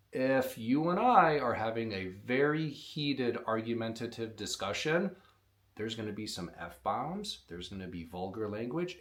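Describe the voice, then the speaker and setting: This instructional demonstration features a man whose voice is fairly low and fairly bright. A call maker, he shows beginners on camera how to blow a hunting call, explaining each step plainly.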